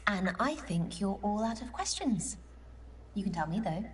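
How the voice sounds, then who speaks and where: A woman's voice: medium pitch, expressive, normal speed, slight background noise, lightly acted. A woman playing a playful, flirty date. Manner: playful, teasing. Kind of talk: live-action dating game scene.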